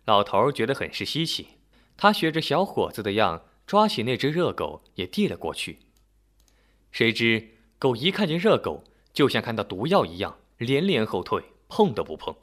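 A man narrating a folk story in an expressive, animated telling. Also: medium pitch, moderate pace.

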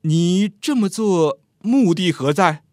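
A man voicing a measured, shrewd middle-aged male mayor in a told story. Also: fairly high pitch, very animated, no echo, clean studio sound.

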